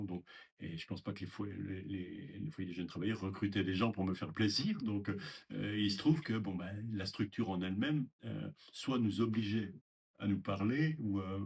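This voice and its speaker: A man's voice: low-pitched, creaky, darkish tone, breathy edge. An older man giving a reflective interview testimony about his past, speaking hesitantly with many fillers and restarts. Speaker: former resident interviewee.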